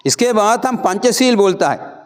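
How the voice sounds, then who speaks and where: A high-pitched male monk teaching chant pronunciation in an unhurried, measured way. He goes over each syllable again and again, patiently correcting the listener. His delivery is calm and deliberate. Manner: patient, repeats and corrects each word slowly. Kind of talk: pronunciation lesson.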